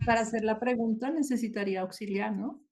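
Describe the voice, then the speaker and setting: A woman's voice: fairly high pitch, fast, a little mellow. A woman student answering a teacher's questions, hesitant and thinking aloud. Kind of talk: answering in class.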